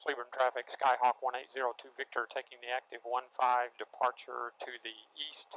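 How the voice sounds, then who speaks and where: A man's voice: mid-range voice, monotone, a little fast, a bit bright, low-quality recording. An older man piloting a small plane, making radio calls and chatting through an aviation headset intercom. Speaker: private pilot. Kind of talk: radio calls and cockpit chat. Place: inside a small propeller plane. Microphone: aviation headset boom mic.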